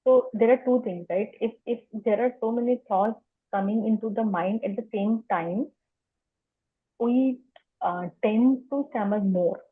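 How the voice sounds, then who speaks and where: This Indian interview guest has a husky, fairly high voice and a measured pace, and she stammers, repeating words and sounds in a conversational interview. The recording sounds like a phone call.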